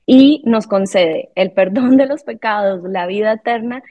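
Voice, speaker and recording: A woman's voice: mid-range voice, measured pace, warm tone, dull audio. Woman co-host, earnest and affirming, casual faith podcast talk.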